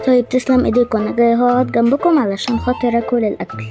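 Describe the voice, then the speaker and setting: A woman's voice: on the high side, little pitch movement, very fast, over music, lightly acted. A woman doing a whiny Egyptian boy. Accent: Egyptian Arabic. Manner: whiny and demanding. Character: grumpy twelve-year-old boy, always late. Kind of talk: homemade family role-play drama.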